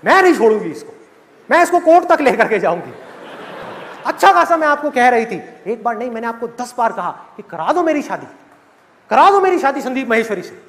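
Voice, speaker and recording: Brief: dramatic, complaining young bride, acted by a man, high voice, hall echo. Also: very animated, fairly quick, fairly bright tone, slight background noise, heavily acted. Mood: indignant. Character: young married woman, indignant and demanding, phoning her father.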